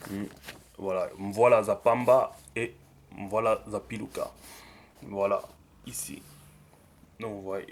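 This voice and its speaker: A man explaining a writing system in a relaxed screen tutorial, thinking aloud with many fillers. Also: fairly low pitch, a little hiss or hum. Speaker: teacher.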